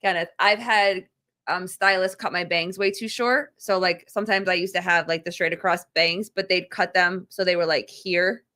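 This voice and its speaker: Woman on a podcast, really bright voice, giggly teasing storyteller. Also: lowish voice, steady tone, normal speed. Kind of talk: casual chat.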